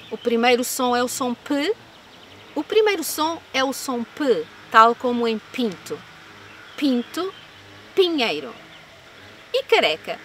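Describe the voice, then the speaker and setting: Slow high-voiced woman teaching sounds. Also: a bit bright, distant mic. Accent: European Portuguese. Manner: sounds out each first sound and repeats word pairs. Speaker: library storyteller leading a children's sound game. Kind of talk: slow, clear phonics lesson for young children. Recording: faint noise, voice a little off-mic.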